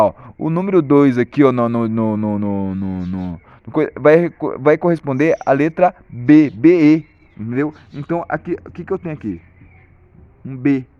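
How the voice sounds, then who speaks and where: A man's voice: medium pitch, a little mellow, no room sound. Hesitant man explaining, muffled dry audio. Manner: hesitant, many restarts and repeated "compreende?". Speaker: video lesson presenter. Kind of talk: casual explanatory tutorial.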